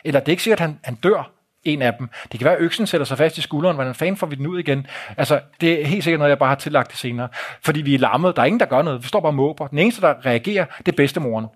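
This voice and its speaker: Male storyteller, live talk, blunt and vivid, cursing, slightly high voice. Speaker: speaker telling a travel story.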